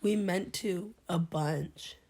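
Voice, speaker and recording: A young woman co-hosting a podcast, hoarse from a cold, chatting casually in a self-deprecating way. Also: fairly low pitch, slow pace, a little mellow. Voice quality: husky. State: sick, hoarse voice. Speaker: podcast co-host. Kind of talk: casual chat.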